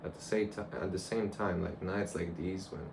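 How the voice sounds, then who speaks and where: Deep gravelly young man, rambling casually. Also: fairly even intonation, normal speed. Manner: reflective, loose, conversational. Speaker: vlogger. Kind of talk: casual rambling monologue to camera. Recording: clear background noise.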